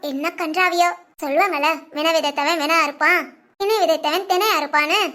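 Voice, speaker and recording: A woman's voice: extremely high pitch, fairly bright tone. A woman acting a nosy, gossiping village woman who pries and wheedles. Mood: muttering aside.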